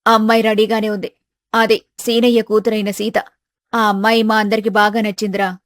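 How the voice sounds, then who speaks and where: A woman playing a determined middle-aged mother in a storybook tale, in her own mid-pitched voice. She is insistent and scolding, and the recording is dry and close. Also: little pitch movement, moderate pace, dry recording, close to an everyday voice. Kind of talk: storybook voice acting.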